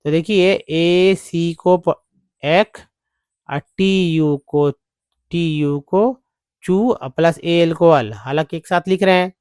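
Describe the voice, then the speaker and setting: Slow, patient male English tutor. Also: a little high, darkish tone, clean tone, no room sound. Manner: drawn-out, repeating each word for the learner. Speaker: English teacher. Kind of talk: slow spelling-out lesson.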